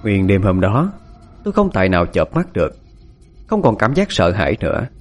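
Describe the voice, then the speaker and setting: A man narrating a first-person ghost story in a hushed, suspenseful, expressive way. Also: fairly low pitch, moderate pace, soft background music.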